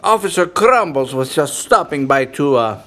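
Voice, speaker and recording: A man's voice: on the high side, animated, fairly bright tone. A man playing a fussy, mildly evil doctor and shopkeeper, theatrical and pompous, in a comic audio drama. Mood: indignant. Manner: pompous, florid, dramatic drawn-out delivery. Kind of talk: comic horror-host audio drama monologue.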